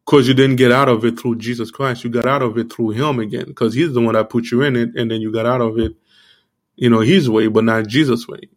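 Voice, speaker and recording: A man giving an earnest, informal sermon, repeating himself often and filling pauses with "you know". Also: mid-range voice, steady tone. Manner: earnest, repetitive, many fillers like "you know". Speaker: preacher.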